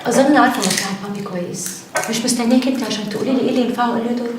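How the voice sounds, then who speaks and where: Fields: Accent: Egyptian. Figure: an actress playing a pushy scheming daughter. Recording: echoey. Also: female voice, fairly high pitch, rapid-fire, background noise, natural voice. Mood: persuasive. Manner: persuasive, insistent. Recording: echoey, distant.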